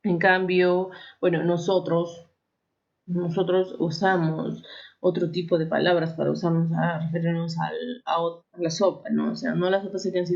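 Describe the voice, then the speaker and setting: A woman teacher with a Peruvian accent from Arequipa talks her class through a lesson, tagging nearly every phrase with a quick question to the students. Her voice sits somewhat low, and she often stops to correct herself. The recording sounds dull and lo-fi. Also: creaky, darkish tone. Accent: Peruvian Spanish, Arequipa. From Peru. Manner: frequent tag questions and self-corrections.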